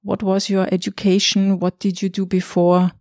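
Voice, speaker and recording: A woman hosting a podcast, speaking clearly and welcoming listeners before interviewing a guest. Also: mid-range voice, monotone, moderate pace, darkish tone, no echo, clean studio sound. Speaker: podcast host. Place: Vienna.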